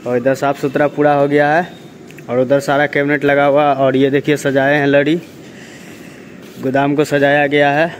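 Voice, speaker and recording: A young man talks into a phone held at arm's length as he walks through a large warehouse. His delivery is steady and salesman-like, and his voice stays almost completely flat, with very little rise or fall. A faint hum of background noise sits under his speech. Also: a little high, normal speed. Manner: steady salesman-like patter, repeats "dekhiye" and "dosto". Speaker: vlogger showing a speaker cabinet factory. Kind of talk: casual vlog walkthrough. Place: large warehouse, partly outdoors.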